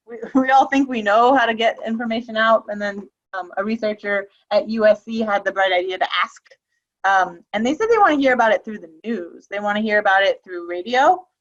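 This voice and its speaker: On a video call, a woman with a medium-pitched, fairly bright voice presents a webinar on preventing elder abuse. She talks casually, with frequent ums and restarts, and the audio sounds dull.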